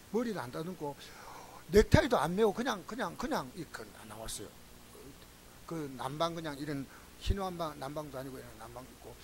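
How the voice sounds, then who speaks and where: A pastor whose voice is on the high side gives a sermon in Gyeongsang-accented Korean, animatedly sharing folksy stories with his congregation. The recording is rough, with slight background noise.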